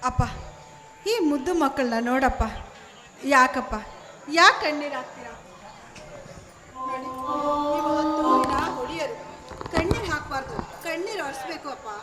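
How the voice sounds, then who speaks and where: An actress playing a young daughter who gently coaxes her grieving father in a village stage drama. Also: sits high, expressive, fairly quick, long reverb tail. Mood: tender. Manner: gentle, coaxing.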